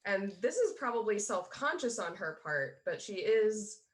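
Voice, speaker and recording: A woman's voice: mid-range voice, big pitch swings, unhurried. A woman playing a tabletop role-playing game, casually describing what her character does.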